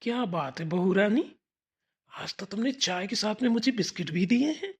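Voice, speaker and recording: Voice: mid-range voice, lively intonation, slightly rough. A voice artist playing a teasing old father-in-law in a cartoon. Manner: slow, teasing. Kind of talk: cartoon voice acting.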